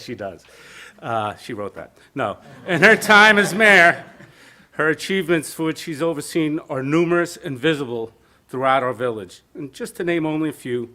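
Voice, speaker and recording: In a community center meeting room, a man gives an informal nominating speech at a local caucus, mixing joking asides with plainspoken emphasis. His voice sits on the high side, bright and forceful.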